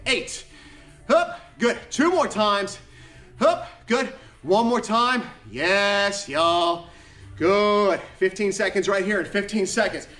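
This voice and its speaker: An energetic male aerobics instructor with a high-pitched voice, recorded in a large, echoey gym studio. He barks short moves and countdowns as he exercises, urging the class on. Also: takes it slowly. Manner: energetic, clipped, encouraging commands while exercising. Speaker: fitness instructor leading an online workout class. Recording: echoey large empty room.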